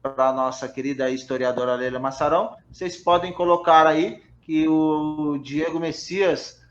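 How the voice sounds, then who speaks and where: A man's voice: on the high side, steady tone, measured pace. Enthusiastic male host on roomy, dull audio. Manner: enthusiastic, reads viewer comments. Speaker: interview host. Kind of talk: live-stream interview hosting.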